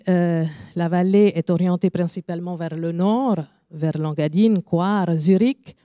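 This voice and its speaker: A woman with an Italian accent, not a native French speaker, giving a careful, measured formal speech at an evening event. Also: lowish voice, mellow, no echo, studio quality. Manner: careful, apologetic about her French, measured delivery with pauses. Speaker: invited speaker.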